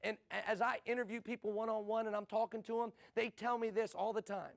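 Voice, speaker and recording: With a level tone, this middle-aged business speaker from the USA delivers motivational remarks in a voice that's high with a gravelly edge. Rhetorical questions and short, punchy repetitions carry his message.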